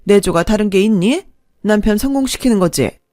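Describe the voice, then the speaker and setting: A woman's voice: medium pitch, expressive, normal speed, mellow, dry recording, clean studio sound, voice pushed up, close to an everyday voice. A woman voicing a domineering middle-aged mother-in-law, bossy and reproachful.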